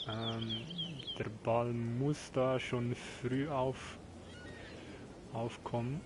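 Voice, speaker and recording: A man talks casually over a game stream, thinking aloud in a halting way. His delivery is slow and mid-pitched, with clear background noise and game ambience. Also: flat delivery. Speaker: live streamer playing a golf game.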